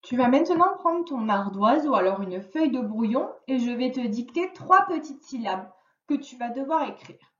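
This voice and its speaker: A woman with a French accent, giving a recorded reading and spelling lesson to a child with slow, deliberate word-by-word dictation. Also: high voice, animated, a bit bright, recorded from a distance. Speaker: teacher. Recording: dull lo-fi sound in an echoey room.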